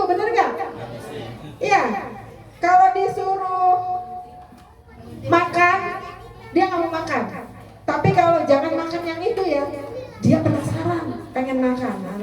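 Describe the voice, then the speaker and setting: A woman's voice: extremely high pitch, echoey room, far from the mic. A woman psychology practitioner giving a parenting seminar to mothers, talking to them directly and asking them questions. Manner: addresses the audience directly, asks them questions; acts out parents' lines to children.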